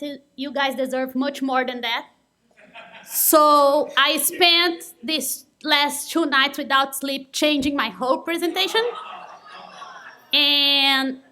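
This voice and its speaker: Presenting at a conference, a young woman from Brazil speaks earnestly in English, her second language, with a Brazilian Portuguese accent. She has a high-sitting voice and a bright, forceful tone.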